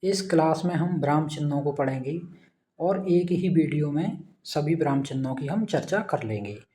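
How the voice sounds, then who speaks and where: A man's voice: fairly high pitch, animated, normal speed, dark tone. A man teaching a recorded exam-prep lesson, posing his own quiz questions and answering them, repeating key points. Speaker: Hindi teacher.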